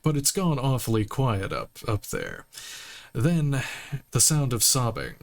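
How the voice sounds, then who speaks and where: A man's voice: mid-range voice, wildly swooping pitch, measured pace, creaky. A man streaming a game playthrough, reading the dialogue aloud in a playful, laughing, mock-indignant way.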